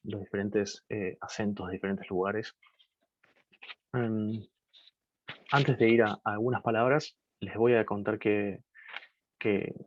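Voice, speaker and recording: A man gives a casual webinar talk on learning Mandarin. He hesitates and restarts often, and grows animated when he tells anecdotes. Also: lowish voice. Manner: hesitant, many restarts and fillers, animated when telling stories. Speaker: Mandarin teacher speaking at a webinar. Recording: dull lo-fi video call audio, faint noise.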